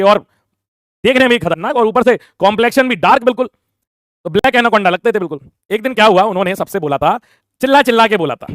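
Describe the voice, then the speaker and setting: A young man tells a school story at a rapid clip, his voice sitting high for a man. He acts out each character as he goes. The sound is dry and close. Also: no echo. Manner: animated, acts out the teacher and classmates in quick voices. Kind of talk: casual storytelling.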